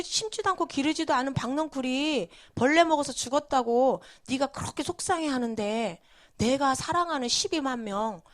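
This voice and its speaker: A divine voice put on by a woman presses a prophet with one pointed question after another. It is patient but firm in its rebuke, quieter and lower than her teaching voice.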